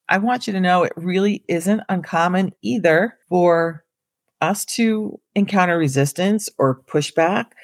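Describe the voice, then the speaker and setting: A woman hosts a solo podcast for school counselors, speaking to her listeners casually and encouragingly, like friends. Her fairly low voice is hoarse and raspy, and the recording is dry.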